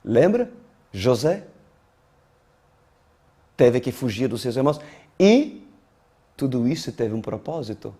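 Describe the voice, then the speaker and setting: A slow, mellow male pastor preaches a sermon in a mid-range voice with big pitch swings and a breathy edge. Portuguese is a language he learned as an adult, not his first. He speaks deliberately and emphatically, pausing dramatically and repeating phrases.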